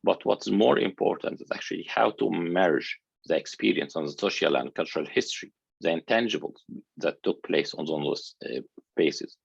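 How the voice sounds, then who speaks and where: An Egyptian architecture researcher gives a conference lecture in a very low, gravelly voice with a husky edge. He speaks earnestly and expressively but haltingly, often restarting phrases, and the recording is dry, dull and lo-fi with no echo.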